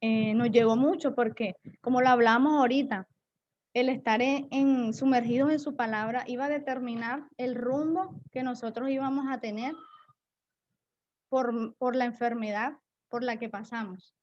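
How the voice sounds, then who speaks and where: A woman's voice: a little high, fairly even intonation, moderate pace, muffled recording, slight background noise. A woman giving an earnest church testimony, often repeating and restarting her phrases. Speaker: pastor's wife giving testimony.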